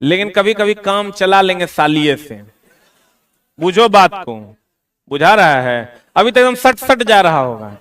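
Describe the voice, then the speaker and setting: A man's voice: high-pitched, animated, unhurried, fairly bright tone. A man teaching an exam-coaching class in a classroom, teasing and scolding his students in slangy talk. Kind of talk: classroom lecture. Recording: voice from a distance.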